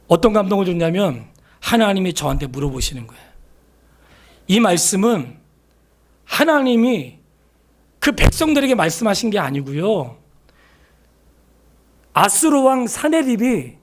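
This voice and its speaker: Male pastor, sermon, fairly high voice, lively delivery, acts out quotes. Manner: animated, acts out quoted voices, swings between loud and hushed. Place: church sanctuary.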